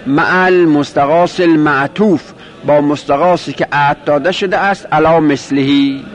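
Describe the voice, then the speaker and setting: A man teaching a grammar lesson, explaining step by step, asking and answering his own questions, and slowing down to repeat quoted phrases. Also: on the high side. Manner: repeats and rephrases terms, slows on quoted Arabic. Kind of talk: classroom lecture explaining a grammar text.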